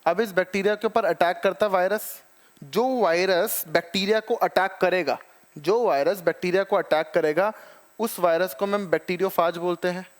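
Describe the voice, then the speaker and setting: A man's voice: high-pitched, normal speed. A man teaching biology in an exam-prep lecture, explaining step by step and checking often that students follow. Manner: calls students "children" and "beta ji".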